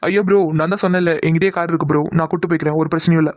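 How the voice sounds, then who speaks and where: A man voices a crowd of young cartoon men, a man doing quick and heated talkers. His voice sits a little high and races along. The recording is close and dry. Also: fairly even intonation, dry recording. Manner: quick, heated, bickering delivery. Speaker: voice actor for several male cartoon characters. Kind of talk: Tamil cartoon drama voicing.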